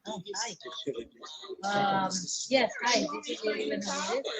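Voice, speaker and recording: A woman's voice: mid-range voice, slow pace, crowd noise. A woman calling in over a Bluetooth headset mic as a congressional candidate, talking hesitantly with many fillers. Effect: remote call over a Bluetooth headset mic. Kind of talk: casual remote interview. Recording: dull lo-fi call audio.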